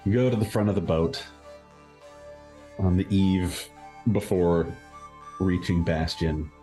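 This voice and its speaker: A man's voice: deep voice, steady tone, takes it slowly, mellow. A man narrating a tabletop fantasy game as game master, with faint music.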